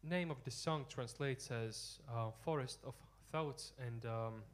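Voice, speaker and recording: A man's voice: mid-range voice, slow pace. A young Latvian man chatting with the audience between songs on a theater stage, hesitant and self-deprecating with many ums, into a stand mic. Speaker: singer-guitarist. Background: guitar.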